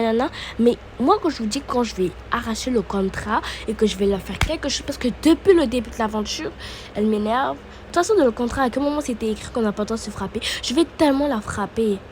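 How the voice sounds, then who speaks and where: A woman's voice: on the high side, a little mellow, a little hiss or hum, natural voice. A woman voicing a furious reality-show girl. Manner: fast, heated, repeating herself. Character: hot-tempered young woman, furious reality-show contestant.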